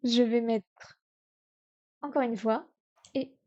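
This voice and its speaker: High-voiced woman slowly working through a lesson. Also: steady tone, dark tone, highs cut off. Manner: sounds out words slowly, corrects herself aloud. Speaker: streamer studying Chinese. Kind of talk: live-stream study session.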